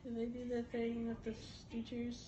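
A woman's voice: a little high, completely flat delivery, moderate pace, dark tone. A young woman, groggy and loopy from anesthesia, rambling casually with her speech muffled by gauze in her mouth. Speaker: patient recovering from wisdom teeth removal. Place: small bedroom, indoors. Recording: muffled phone video with noticeable noise.

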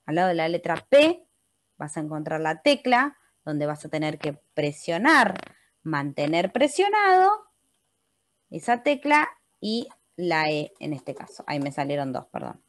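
A woman's voice: low-pitched, sing-song, measured pace. An Argentine woman teaching a webinar computer class, walking her students through a spreadsheet step by step and often checking in with a patient "¿sí?". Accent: Argentine Spanish. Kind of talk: step-by-step software tutorial. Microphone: computer mic in a webinar.

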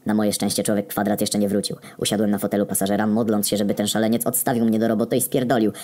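A man narrating a comedic story in a deadpan, wry tone with frequent swearing. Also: on the low side, quick pace.

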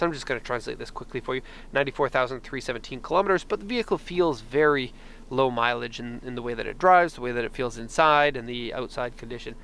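A middle-aged car exporter shows off a vehicle in an unscripted walkaround, relaxed and thinking aloud in a mid-range voice. He's outdoors by a parked car and also inside it, captured on a handheld camera's microphone with clear ambient noise.

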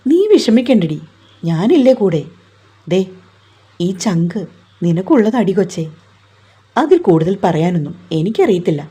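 A woman's voice: on the low side, sing-song, a little slow, pauses often, mellow. Woman reading a teasing, bossy young fiancé. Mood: reassuring. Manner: teasing, coaxing, commanding.

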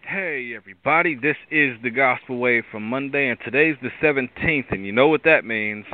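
A tired male host with a raspy voice, giving a rambling devotional talk with many restarts. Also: medium pitch, fairly quick, dry recording, faint music behind. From Pittsburgh area. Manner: rambling, restarts often, preachy asides. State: tired from lack of sleep. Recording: tinny phone-line sound.

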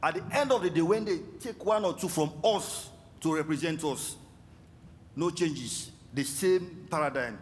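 A man's voice: on the high side, measured pace, a little hiss or hum. A man from the audience earnestly asking a conference panel a two-part question in a large hall. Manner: earnest, pleading. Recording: reverberant hall, faint ambience.

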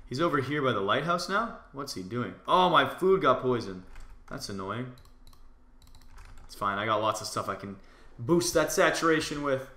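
Bright-voiced excitable young man gaming. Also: mid-range voice, normal speed, reverberant. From Canada. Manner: excitable, jokey, bursts into loud shouts. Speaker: gaming YouTuber. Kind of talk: casual gameplay commentary.

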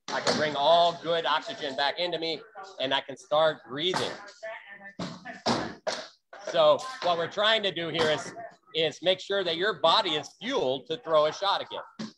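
A man coaching a virtual sword-fighting practice on a video call, explaining and demonstrating with sharp bursts of breath. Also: on the high side, normal speed, heavy background noise.

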